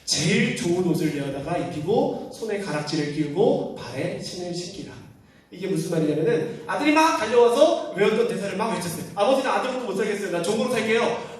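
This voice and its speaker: A man, a youth pastor, giving a lively sermon to teenagers and acting out the quoted voices as he tells the story. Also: sits high, fairly quick. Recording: roomy echo, distant mic.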